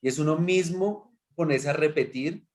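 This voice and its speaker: A man's voice: a little high, moderate pace, darkish tone. A man, a student, patiently explaining a point to the class with some restarts.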